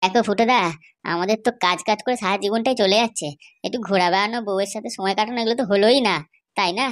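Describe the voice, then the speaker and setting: A woman's voice: mid-range voice, racing. A woman voicing characters in a comedy cartoon, with a chatty, persuasive way of talking. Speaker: cartoon voice actor.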